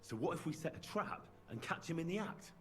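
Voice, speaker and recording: An actor playing an assured, persuasive investigator laying plans in conversational video game dialogue. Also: male voice, a little high, expressive, brisk, a bit bright, faint music behind. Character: confident, reassuring investigator laying out a trap.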